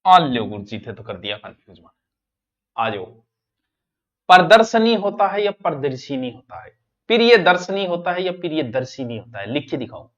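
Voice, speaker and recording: Lively Rajasthani man teaching grammar. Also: fairly high pitch, moderate pace. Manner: lively, swings between loud and soft, addresses students directly. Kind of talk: exam-prep grammar lesson. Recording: dull lo-fi online class audio.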